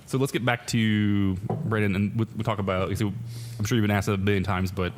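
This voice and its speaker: A male podcast co-host with a low voice moves the chat along at a quick pace. He talks casually and swears without thinking about it. His voice carries a long reverb tail from the room. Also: steady tone, slight background noise.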